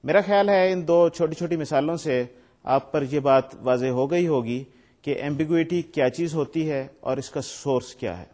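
A man's voice: on the high side, darkish tone. A man giving a recorded lecture. He explains step by step, mixes in English technical terms and reads his examples aloud with stress.

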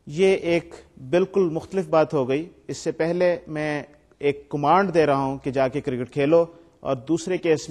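A man's voice: a little high, a little mellow. Man giving a lecture. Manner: explains step by step, mixes in English technical terms, reads examples aloud with stress. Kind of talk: recorded lecture.

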